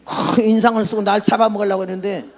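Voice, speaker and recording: A woman's voice: mid-range voice, level tone, fast talker, darkish tone. An outspoken woman in her eighties preaching a testimony sermon as a missionary, blunt and emphatic. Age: 80s.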